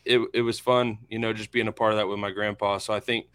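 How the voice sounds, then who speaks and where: A man's voice: lowish voice, flat delivery, fast, a bit bright, clear, resonant tone. A man in his thirties from central Florida with an American accent, chatting casually about sports as a panelist. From central Florida, USA. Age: 30s.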